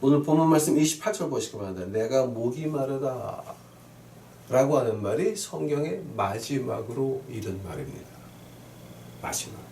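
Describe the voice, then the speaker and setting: A pastor preaches a sermon with scripture readings, emphatically repeating key phrases and posing rhetorical questions to his listeners. His medium-pitched voice is very animated, a little fast, and mellow. The recording has roomy echo, a distant mic, and faint noise.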